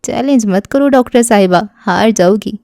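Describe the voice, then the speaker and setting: A woman's voice: fairly low pitch, steady tone, mellow, no room sound, clean studio sound, close to an everyday voice. A woman voicing a playful, teasing young man wooing his bride in an audio novel. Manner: teasing, confident.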